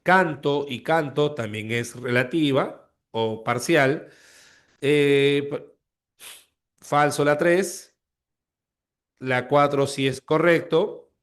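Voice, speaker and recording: A man's voice: fairly high pitch, slow, pauses often, fairly bright tone. A male language teacher explaining exercises in an online class, going step by step and often checking that students follow. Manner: explains step by step, checks understanding with repeated questions.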